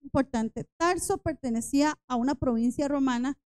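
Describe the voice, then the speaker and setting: A woman's voice: high-pitched, normal speed, darkish tone. A woman in her forties preaching a Bible study in a church, earnest and tired, often turning to the congregation with asides. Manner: earnest, repeats "hermanos" and "¿verdad?". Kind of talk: sermon-style Bible study.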